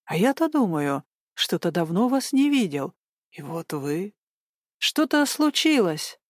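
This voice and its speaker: A woman's voice: lowish voice, big pitch swings, a little slow, no echo, clean studio sound. A woman voicing a sly male district police officer whose friendliness is syrupy and put on. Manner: syrupy, mock-stern.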